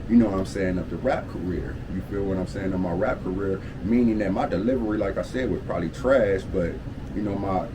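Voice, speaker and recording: Man in his 40s, from Cleveland, casual storytime, street slang and cursing, lowish voice, steady air-conditioner hum. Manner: streetwise slang and profanity, constant "you feel me" check-ins. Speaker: author telling his life story.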